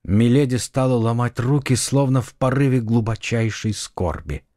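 A man narrating an adventure novel audiobook with an expressive, dramatic reading. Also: medium pitch, normal speed, no echo, studio quality. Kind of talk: scripted narration.

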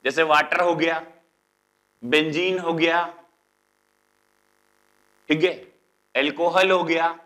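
A male chemistry teacher with a Bihari Hindi accent gives a classroom lecture. He keeps asking his students rhetorical questions and drags out the English terms slowly. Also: fairly high pitch, steady tone, sharp tone. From India.

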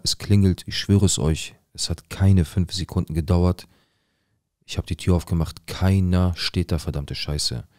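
A young man acting out a rough-talking, paranoid drug dealer who tells his own story in a dramatic monologue full of slang and swearing. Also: sits low, a little mellow, dry recording, studio quality. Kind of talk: dramatic first-person monologue.

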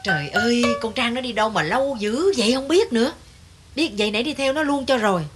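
An actress plays an anxious older mother-in-law desperate for a grandchild. She talks in a fretful, exclamatory way, her voice sitting a bit high. Music plays beneath the drama scene. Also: expressive, fast, close to an everyday voice. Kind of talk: TV drama acting.

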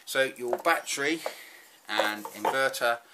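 A man's voice: mid-range voice, measured pace, heavy background noise. A man explaining a DIY solar setup in a casual, rambling way, with frequent ums as he draws at a desk. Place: indoors at a desk.

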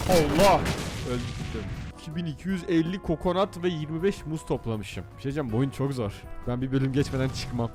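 A man commentating as he plays computer games, excitable and jokey, often shouting at the game. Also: mid-range voice. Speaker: gaming YouTuber. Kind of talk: let's play commentary.

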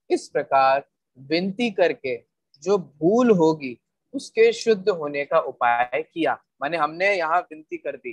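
Male religious teacher, patient explainer who repeats key points and checks that listeners follow, slightly higher voice. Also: dry recording. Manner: rhetorical questions to listeners, checks they follow. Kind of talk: explanatory scripture lecture.

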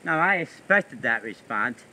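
A man in his sixties working as an animal keeper, explaining casually and haltingly, pausing mid-sentence, picked up outdoors by a nearby phone. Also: medium pitch, animated, bright, forceful tone, poor audio. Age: 60s. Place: outdoors in a fenced animal yard. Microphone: phone held by someone else, a few feet away. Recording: outdoor background noise, handheld phone.

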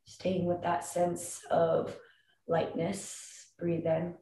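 A woman in her thirties leads a calm grounding meditation, giving soothing instructions with long pauses between phrases. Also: on the low side. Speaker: meditation guide. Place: indoor room with wooden floor and plank wall. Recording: roomy echo, distant microphone.

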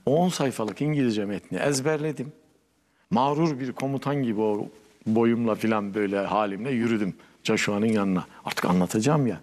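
A man's voice: fairly low pitch, fairly quick, in a large hall. An older man, a poet, telling a story in a studio interview and acting out the people in it. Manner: animated storyteller acting out dialogue. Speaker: guest, poet and writer. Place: television studio.

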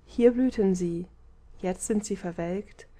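A woman voicing a stately, motherly city goddess in an audiobook, with a measured, gently reproachful delivery. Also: medium pitch. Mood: wistful. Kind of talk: audiobook character reading.

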